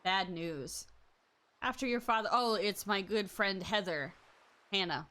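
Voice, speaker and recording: A woman's voice: mid-range voice, measured pace, sharp tone. A woman streaming a game in a playful, slangy, exclamatory way. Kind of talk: casual playthrough chat and reading aloud.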